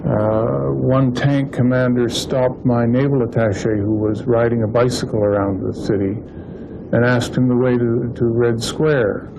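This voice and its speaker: A man recalling events in an interview, halting and full of fillers. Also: medium pitch, fairly even intonation, gravelly, noisy background. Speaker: interviewee, diplomat. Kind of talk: interview recollection.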